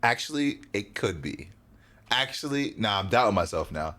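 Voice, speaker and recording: A man's voice: fairly low pitch, sing-song, moderate pace, fairly bright tone. A young man streaming, reacting to a video with loose, joking talk aimed at his chat. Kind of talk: casual reaction commentary.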